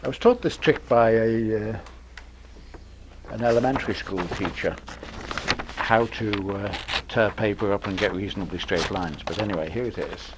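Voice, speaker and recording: A man giving an informal university math lecture, pausing often with ums and uhs and adding dry humor. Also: fairly low pitch, background noise. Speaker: mathematics professor lecturing. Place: lecture room with audience.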